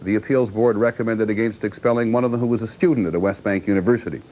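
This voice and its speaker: A man's voice: lowish voice, steady tone, very fast, mellow, slight background noise, rough recording. A man reading scripted news as an anchor.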